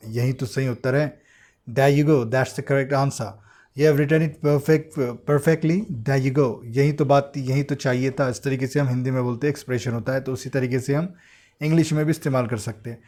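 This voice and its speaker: A man with an Indian accent teaching English usage to exam aspirants in a relaxed, mellow voice. He reads each example sentence slowly and deliberately, then switches to quicker Hindi to explain it. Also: mid-range voice. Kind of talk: bilingual lesson explaining English phrases.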